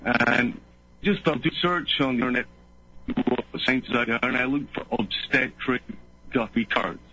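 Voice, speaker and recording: A male caller on a clipped phone line, talking haltingly with many fillers and restarts. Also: medium pitch, sharp tone. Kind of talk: call-in radio talk. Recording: muffled phone line with faint noise.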